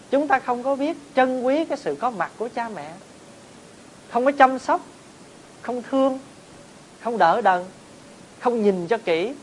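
A Buddhist monk delivers a sermon in an easy, gentle storytelling manner, often turning to his listeners with questions. His lightly humorous way of speaking sits over a faint background hum. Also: high voice, rough recording. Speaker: Buddhist monk giving a dharma talk.

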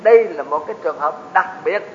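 A man's voice: a little high, expressive, fast talker. A man giving a Buddhist dharma talk, explaining teachings with folksy asides to his audience. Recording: echoey hall, dull lo-fi with faint noise.

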